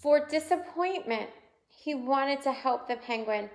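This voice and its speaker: A high-voiced woman gives an animated read-aloud of a children's picture book, speaking slowly with big pitch swings. She pauses to point things out to her young listeners, and the indoor room adds a noticeable, roomy echo.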